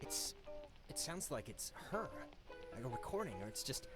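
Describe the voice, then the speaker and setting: Game role: anxious, hopeful teen boy, slightly high, animated, stumbling over words, music loud underneath. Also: poor audio. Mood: desperate hope. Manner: halting, pleading, repeats himself. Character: anxious, hopeful teenage boy grieving his mother. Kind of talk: naturalistic video game dialogue.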